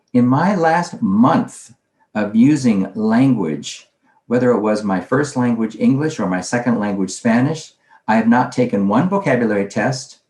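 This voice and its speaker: Speaking in a medium-pitched, slightly mellow voice, a man delivers a recorded conference presentation on language teaching. His lecture is conversational, and he often poses questions aloud to himself. The room gives the recording a noticeable echo.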